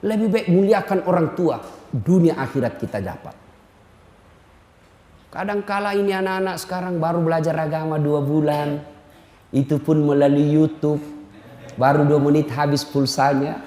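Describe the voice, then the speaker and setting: A man's voice: on the high side, moderate pace, pauses often, mellow. A middle-aged man preaching a humorous sermon, teasing and addressing his audience directly. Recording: echoey hall with long reverb.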